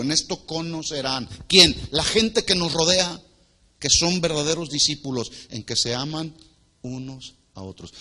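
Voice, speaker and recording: A man preaching a sermon to a congregation as their pastor. He asks the people questions, waits for their answers, and swings between loud emphatic lines and quiet asides. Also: on the high side. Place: church hall before a congregation.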